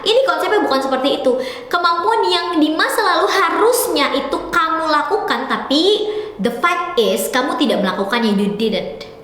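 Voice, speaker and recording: A woman teaching English grammar on a live stream. She talks fast, switches between Indonesian and English, and calls her viewers by pet names. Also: high voice, a bit bright, very echoey, long reverb tail. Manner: calls viewers "sayang" affectionately.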